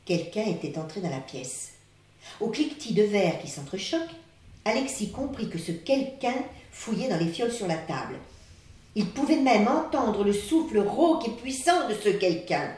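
A woman reading a story aloud in a theatrical way, moving between hushed and excited, recorded in an echoey room with the mic far off. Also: medium pitch, normal speed.

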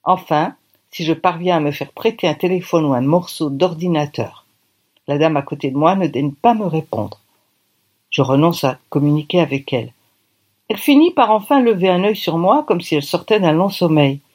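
Brief: lively conversational audiobook reader, woman. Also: sits low, normal speed. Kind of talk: first-person novel narration.

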